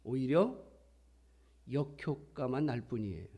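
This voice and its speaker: A man's voice: mid-range voice, animated, measured pace, mellow, slightly rough. A middle-aged man preaching a sermon in a conversational style, sometimes acting out quoted voices. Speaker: pastor.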